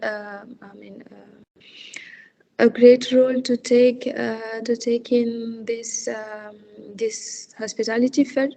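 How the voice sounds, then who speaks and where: A woman from Senegal, a hospitality consultant, talking slowly and hesitantly with many fillers and restarts as a guest on a video call interview. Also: on the high side, creaky, mellow.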